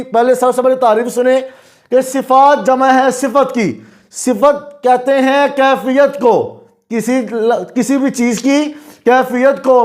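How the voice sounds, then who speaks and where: A man teaching Quran recitation rules, asking the class questions and answering them himself, and chanting examples slowly. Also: very high-pitched. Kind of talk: explanatory lesson.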